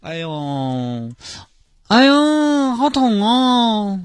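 A man's voice: very high-pitched, big pitch swings, very slow, smooth, no echo, studio quality, pitched above the performer's own voice, heavily acted. A man doing a wailing melodramatic girl. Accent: Sichuanese. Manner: wailing theatrically.

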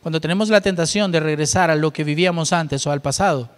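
A man's voice: a little high, quick pace, smooth, in a large hall. A male pastor reading scripture aloud and then preaching a sermon, rising emphatically on key phrases.

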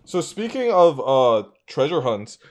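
A man's voice: mid-range voice, sing-song, unhurried, darkish tone. A young man co-hosting a podcast in casual chat, laughing often and swearing freely. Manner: giggly, swears casually, says "like" and "dude" a lot. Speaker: podcast co-host.

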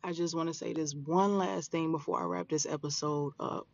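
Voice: medium pitch, fairly even intonation, moderate pace, creaky, dry recording, dull audio. A podcast host in their thirties giving an earnest, emphatic motivational spiritual talk straight to listeners. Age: 30s.

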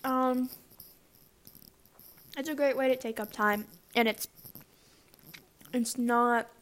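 A woman's voice: fairly high pitch, steady tone, slow, a bit bright. A young woman student chatting casually to camera, rambling with lots of fillers and restarts. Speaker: student vlogger.

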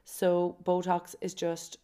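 On her solo podcast, a Kerry woman in her twenties tells personal stories in an informal, confiding way, her southwest Irish accent clear. She speaks slowly in a fairly low, monotone voice that sounds dark and smooth.

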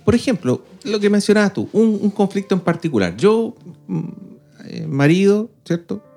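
A man joins a casual discussion, bringing in scripture and offering examples with animated, lively inflection. His voice is fairly high for a man, with faint music and guitar in the background. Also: moderate pace, vocal fry. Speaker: discussion panelist.

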